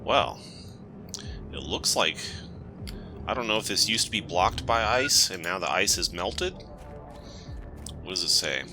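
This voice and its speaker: Over music, a gaming channel host with a cold talks in a low, unhurried voice with long pauses. He keeps things casual and relaxed, thinking aloud as he plays in let's-play style.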